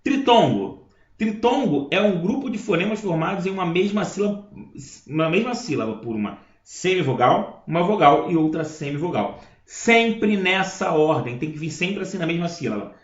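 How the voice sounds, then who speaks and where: A man's voice: high-pitched, very animated, moderate pace. A man teaching a grammar lesson, explaining step by step and checking in with his listeners. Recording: echoey room, dull lo-fi sound.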